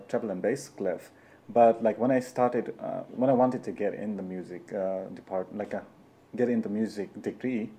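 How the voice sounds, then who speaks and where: A man's voice: on the low side, mellow. A young man from Nepal hosting an interview, talking hesitantly with many fillers. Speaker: host. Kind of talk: conversational interview.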